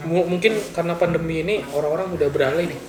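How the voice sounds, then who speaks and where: Rapid-fire and steady in tone, a man with a slightly high voice hosts a casual podcast chat while eating, his mouth sometimes full. Food is part of the conversation's setting. Music plays behind him in an echoey room.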